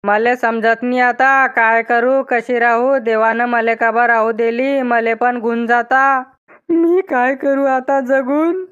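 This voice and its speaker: A woman's voice: on the high side, flat delivery, a little slow, a bit bright, smooth, muffled recording. A woman voicing chatty, lamenting middle-aged rural women in a cartoon comedy, with a Vidarbha Marathi accent.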